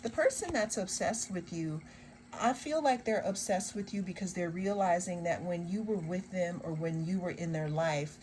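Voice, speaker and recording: A woman giving a tarot card reading to viewers, speaking slowly and emphatically, drawing out phrases and repeating refrains, with sarcastic asides. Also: on the low side, darkish tone, rough recording. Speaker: tarot reader.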